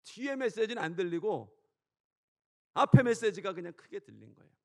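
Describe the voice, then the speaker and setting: A man, a pastor, preaching a sermon, swinging between loud preaching and soft storytelling. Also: high-pitched, lively intonation, normal speed, creaky.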